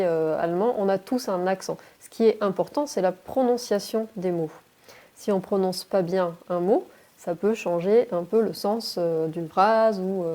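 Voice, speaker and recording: A woman from France speaks straight to her phone camera as a language teacher. Her tone is mellow and soft-edged, and her pitch sits in a middle range. She talks in an encouraging, motivational way to her viewers. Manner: encouraging, addresses viewers directly. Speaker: English teacher. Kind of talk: motivational vlog talk to camera.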